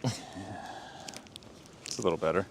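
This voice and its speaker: A man's voice: moderate pace, background noise. A man casually chatting outdoors by a campfire in falling snow, rambling with lots of fillers. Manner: rambling, filler-heavy talk with many "like"s. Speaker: channel co-host. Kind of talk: casual chat.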